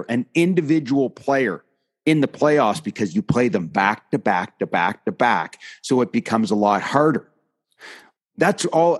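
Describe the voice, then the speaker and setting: A man hosting a sports podcast, a former player, talking in a casual, emphatic way and making his case point by point. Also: medium pitch. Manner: emphatic, lists stats to make his point.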